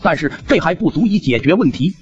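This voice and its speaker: A man's voice: a little high, expressive, fast talker, lo-fi sound. A young man narrating his own comic cartoon story in a chatty, wry way.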